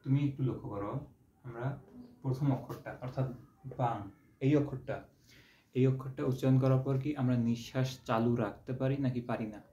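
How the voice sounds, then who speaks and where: A man's voice: medium pitch, steady tone, fast talker, dark tone. A young man from Bangladesh, teaching an exam-prep lesson patiently, repeating and drawing out syllables to show them. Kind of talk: online exam-prep lecture. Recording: dull roomy home recording with faint hiss.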